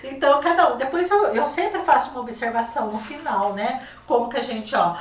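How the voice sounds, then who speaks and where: An older woman's high voice comes through fairly quickly from a distant mic as she tells classroom stories on a TV show. A teacher and guest author with a Brazilian Portuguese accent, she lively acts out the quoted speech in this casual interview, and the studio sound is roomy and off-mic.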